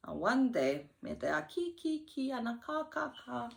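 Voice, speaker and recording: A woman, telling a story to her viewers in a lively vlog chat with slang and dialect voices. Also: on the high side, normal speed, vocal fry. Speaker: vlogger. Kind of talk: storytime while getting ready. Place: home.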